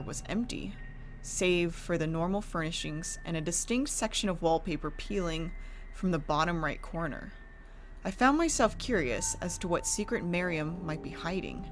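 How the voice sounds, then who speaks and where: Gothic horror storyteller played by a woman: earnest haunted brother, low haunting measured delivery, prominent music bed. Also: natural voice. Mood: brooding, wistful. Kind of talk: dramatic first-person horror story narration. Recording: music behind the voice.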